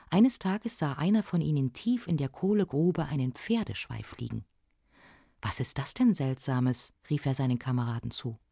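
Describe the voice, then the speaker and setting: A woman reading a folk legend aloud in an expressive storytelling voice. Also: low-pitched, dry recording, clean studio sound. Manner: expressive, shifts voice for the characters.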